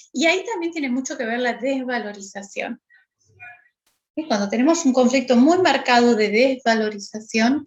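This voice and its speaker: A woman's voice: on the high side, lo-fi sound. Rioplatense woman teaching in an echoey room. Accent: Rioplatense Spanish. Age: middle-aged. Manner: explanatory, often checks with "¿sí?". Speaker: workshop teacher. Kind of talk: online class lecture.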